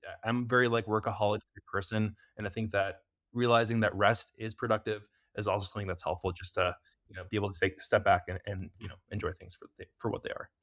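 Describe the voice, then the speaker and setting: A young preventative health expert from the United States joins a podcast for a relaxed interview chat. His lowish voice stays level with a fairly bright tone, while his delivery is fast and loose, heavy on fillers. The recording is dry and of studio quality.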